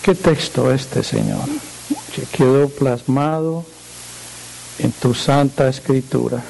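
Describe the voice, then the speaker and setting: A male pastor reading scripture aloud in a sermon and praying, slow and solemn, lifting his voice for quoted speech. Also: mid-range voice, gravelly, darkish tone, a little hiss or hum, low-quality recording. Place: church.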